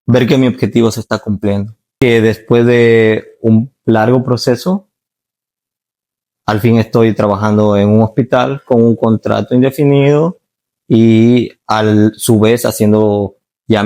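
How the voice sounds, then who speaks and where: A man in his thirties from Ecuador, a nurse, answering interview questions in a calm, measured way and often ending with "¿no?". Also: fairly low pitch. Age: 30s. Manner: calm, measured, frequent "¿no?" tags.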